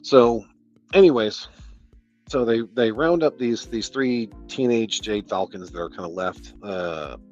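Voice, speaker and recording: A Midwestern-accented man from the Detroit area, United States, streams a casual, sarcastic review of a novel, swearing and laughing along the way. His voice sits fairly low and moves a little slowly. The audio is dull, with faint music in the background.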